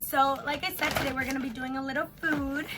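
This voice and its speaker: Music plays in the background as a woman in her twenties hosts an easygoing eating video, switching from English to Spanish and back. She talks at a quick pace in a high voice with fairly even intonation.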